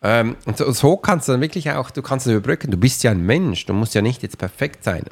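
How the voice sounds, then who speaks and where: A man's voice: medium pitch, lively intonation, fairly quick. A man, talking as a podcast host and coach in a chatty, rambling way and speaking straight to the listener. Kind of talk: casual motivational monologue.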